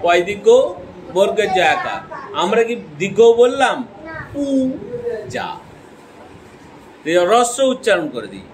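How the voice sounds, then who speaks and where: A man's voice: high-pitched, sing-song, moderate pace, slight background noise, low-quality recording. A man teaching a grammar lesson, explaining step by step and often asking checking questions.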